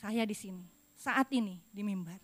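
A middle-aged woman preaching a confessional sermon from a church pulpit, moving between loud emphasis and hushed apology. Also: medium pitch, moderate pace.

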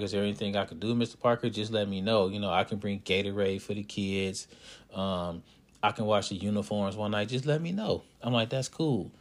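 A man who hosts a podcast and coaches youth basketball, telling a story in a casual, animated way and speaking straight to his listeners. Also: fairly low pitch. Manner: animated, talks to listeners directly.

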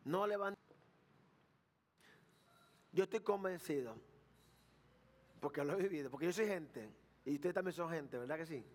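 A man's voice: a little high, normal speed, pauses often. A male pastor preaching a sermon, repeating phrases, asking the congregation questions and acting out the words of biblical figures. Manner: acts out dialogue between Jesus and Peter.

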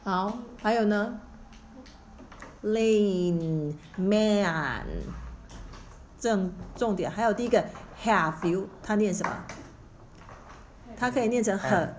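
A woman's voice: mid-range voice, slow, pauses often, a little hiss or hum. A woman teaching English pronunciation in class, asking questions and correcting students by repeating words back to them.

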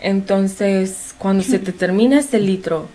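Warm-toned and mid-range, a woman's voice moves at a measured pace as she recounts a personal story. She has a Honduran Spanish accent and is an interview guest in casual conversation, explaining things directly to the listener.

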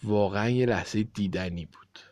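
Low-voiced man reading a children's story. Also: darkish tone, no room sound. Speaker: audiobook reader. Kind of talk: storybook narration.

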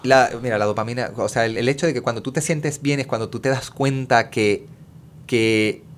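Animated man explaining. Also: medium pitch, normal speed, slight background noise. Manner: animated, explains with examples, Caribbean Spanish slang. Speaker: guest, music therapist. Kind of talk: casual conversation.

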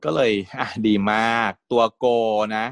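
Man, podcast co-host, casual chat, animated, frequent laughs, dry room. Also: a little slow, dry recording. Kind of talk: casual chat reviewing a TV series.

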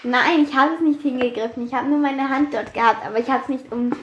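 A teenage girl co-hosting a podcast, chatting and quickly interjecting to correct her friend. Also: high voice, lo-fi sound, slight background noise. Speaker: podcast co-host. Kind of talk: casual storytelling chat. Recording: echoey room.

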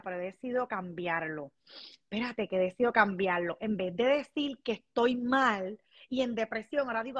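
A high-voiced woman chats warmly on her phone live stream. Her husky voice sounds dry and close. She reads out and thanks her viewers one by one. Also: no room sound. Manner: warm, effusive, thanks viewers by name. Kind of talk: casual live stream chat, reading comments.

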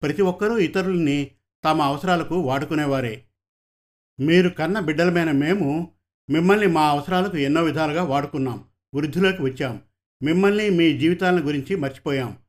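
A man's voice: on the high side, brisk, lightly acted. A man reading the heartfelt lines of a hurt young unmarried son in a storybook. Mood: aggrieved. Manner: earnest, heartfelt.

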